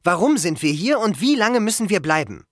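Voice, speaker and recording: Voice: medium pitch, big pitch swings, brisk, no echo, clean studio sound, voice pushed up, lightly acted. A reader doing a blunt, impatient teenage boy. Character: confused teenage boy demanding answers.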